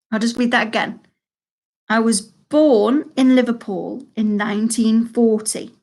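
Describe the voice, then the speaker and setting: Woman, quiz host, chatty, slow repeated questions, fairly high voice, streaming from home. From Salford, England. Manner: chatty, reads questions slowly and repeats them. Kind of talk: live-streamed pub quiz hosting.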